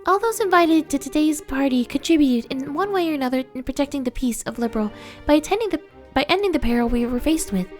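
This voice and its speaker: A woman's voice: sits high, lively intonation, fast talker, few pauses, faint music behind, voice pushed up. A woman voicing a gracious young princess who gives a formal, heartfelt speech of thanks. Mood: earnest.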